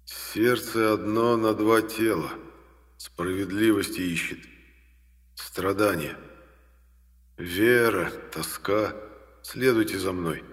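A man voicing the ghost of a murdered emperor, a slow, rumbling disembodied voice that seems to come from everywhere. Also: in a large hall. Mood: solemn.

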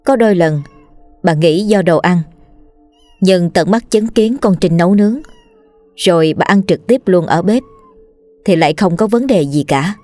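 A woman narrating a scripted horror story in a steady, measured reading. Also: lowish voice, no room sound, faint music behind.

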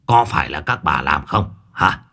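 A man playing a coarse, hot-tempered old rich landlord who shouts and curses. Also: fairly low pitch, sing-song, moderate pace. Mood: accusing. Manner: shouting, cursing, wailing.

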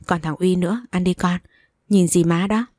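A woman's voice: fairly low pitch, moderate pace, a little mellow, no echo, studio quality, close to an everyday voice. Woman reading as a cruel scheming old mother-in-law. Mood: coaxing. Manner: scolding, commanding.

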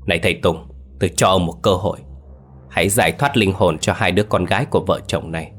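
A man's voice: deep voice, fast talker, fairly bright tone, a little hiss or hum. A man voicing a vengeful old man who commands corpse spirits, speaking in a menacing roar. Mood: stern. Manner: roaring, menacing.

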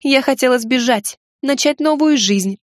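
Woman doing a shrill sulky young sorceress. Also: a little slow, no echo, clean studio sound. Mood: bitter. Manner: snappish, bitter.

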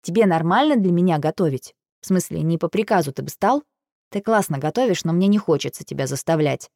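Mellow-voiced woman narrating an audiobook. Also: on the low side, lively intonation, fairly quick, vocal fry, no room sound, studio quality. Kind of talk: first-person audiobook narration.

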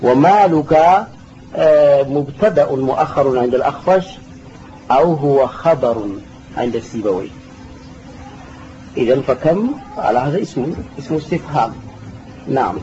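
A sheikh teaches Arabic grammar in a classroom, explaining a text, patiently repeating key terms and answering students' questions. His voice is mellow and medium-pitched, animated, at normal speed, with frequent pauses. The recording is dull and lo-fi, with a faint hiss.

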